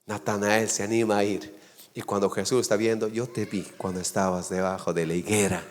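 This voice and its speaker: A man preaching a sermon as guest pastor, telling Bible stories with loud emphatic lines and low drawn-out words. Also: flat delivery. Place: church. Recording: church hall with long reverb.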